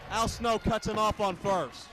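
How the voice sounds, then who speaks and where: Male wrestling commentator, high voice, emphatic clipped play-by-play over clear arena noise. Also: steady tone, measured pace. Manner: emphatic calls in short clipped phrases. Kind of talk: live wrestling match commentary. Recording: noisy arena recording.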